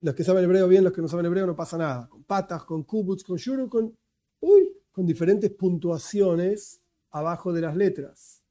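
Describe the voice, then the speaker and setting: Dark-voiced Argentine man teaching a class. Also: high-pitched, normal speed. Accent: Argentine Spanish. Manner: relaxed and explanatory, with joking asides. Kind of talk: conversational lecture.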